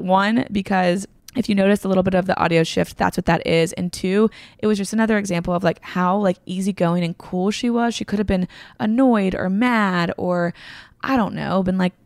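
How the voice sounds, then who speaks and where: Over a remote call recording, a woman hosting a podcast gushes and chats casually through an intro and interview, full of filler words. Her medium-pitched voice has vocal fry, and the sound is clean and studio-like with no room sound.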